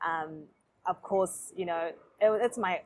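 A young woman from Africa, talking as a podcast guest in a relaxed, reflective way. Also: lowish voice, takes it slowly, a little hiss or hum. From South Africa. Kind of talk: casual interview conversation.

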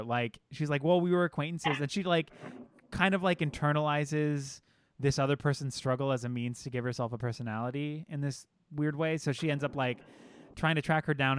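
This male podcast co-host speaks in a clear, resonant, mid-range voice with no echo. His casual chat rambles along, thick with fillers and profanity.

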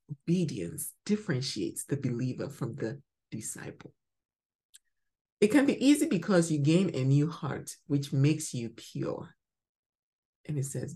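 Speaking in a very deep voice, a woman from Ghana hosts a podcast devoted to spoken devotional teaching. Her manner is emphatic, shifting between bright exclamations and soft murmurs.

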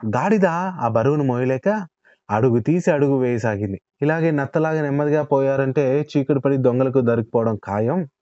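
Mellow male storyteller. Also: medium pitch, no echo, dull audio. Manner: calm, unhurried storytelling. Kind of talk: folk tale narration.

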